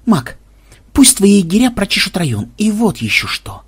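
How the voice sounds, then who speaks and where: A man's voice: high-pitched, big pitch swings, moderate pace, husky, voice pushed up, exaggerated voice. A man voicing a musing programmer hero. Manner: musing, commanding. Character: pensive programmer hero, young man, wry.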